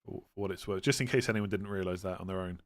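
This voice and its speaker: A man's voice: deep voice, fast talker. A man with a West Country English accent chatting informally on a livestream, reading out questions and answering them in a matter-of-fact way. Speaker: fantasy football livestream host. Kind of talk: casual livestream chat answering viewer questions.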